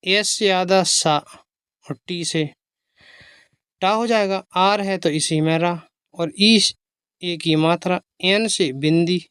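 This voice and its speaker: An English teacher giving a slow phonics reading lesson, spelling each word out letter by letter and explaining how to pronounce it. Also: medium pitch, a bit bright, clear, resonant tone, no echo, clean studio sound. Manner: spells letters aloud one by one, patient and explanatory.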